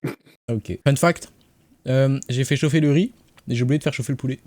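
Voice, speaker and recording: A man's voice: mid-range voice, a little fast, a little mellow. A young man chatting casually while gaming, with crude joking and teasing banter. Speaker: gamer.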